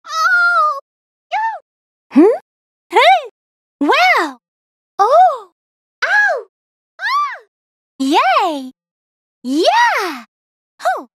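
Very high, perky Princess Peach. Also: female voice, pushed and bright, a little hiss or hum, heavily acted. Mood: startled. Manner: bubbly, exclaiming in short bursts. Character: sweet, perky young princess in a video game. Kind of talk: video game voice clips, short exclamations.

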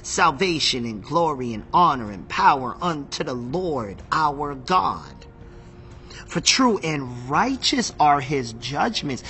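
Man, bright forceful voice, slow emphatic delivery, repeats phrases, scripture teaching. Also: fairly high pitch, sing-song, faint music behind. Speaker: Bible teacher. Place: seated in a chair.

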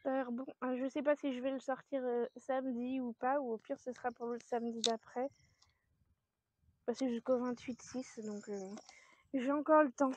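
A woman's voice: high-pitched, fairly even intonation, normal speed, slight background noise. A woman chatting casually to camera about her grocery haul, rambling with many fillers and little laughs. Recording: dry, dull lo-fi sound.

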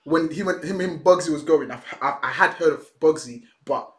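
Excitable man reacting, echoey room. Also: on the high side, moderate pace. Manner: excitable, bursts into laughs and shouts. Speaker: reaction channel host. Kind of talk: casual reaction chat. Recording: echoey room with music behind.

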